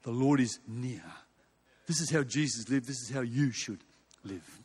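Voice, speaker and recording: Measured and a little mellow, this older preacher's mid-range voice is slightly rough and carries an Australian accent; he's from Western Australia. He gives his sermon as an informal story with rhetorical questions and repetition, recorded with the reverberant sound of a large hall or church.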